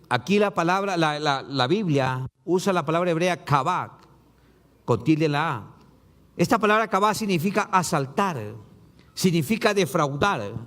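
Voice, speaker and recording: A man pastor preaching a sermon, reading scripture aloud and asking the congregation rhetorical questions with rising emphasis and low drops. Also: fairly bright tone, in a large hall.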